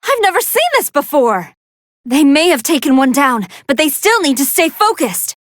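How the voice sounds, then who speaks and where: A woman voicing a polite, soft-hearted female android scientist who gives formal, earnest and expressive commentary on fights in a video game. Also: high voice, normal speed, no echo, studio quality. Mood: composed, curious. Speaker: match commentator.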